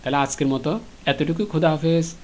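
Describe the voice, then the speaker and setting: A man teaching an English lesson to schoolchildren, explaining patiently with frequent filler pauses and repeated questions. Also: fairly high pitch, darkish tone, a little hiss or hum.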